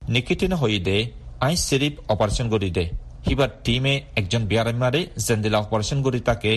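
A man's voice: mid-range voice, a little fast. A man presenting a radio programme, reading a scripted story aloud as a presenter. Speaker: radio presenter and translator for a language lesson.

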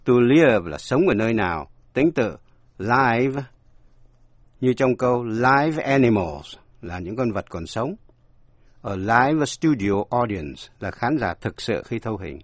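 A man's voice: mid-range voice, very animated, slow pace, dry recording. A man giving a scripted radio language lesson, explaining word meanings and spelling words out letter by letter. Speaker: language teacher.

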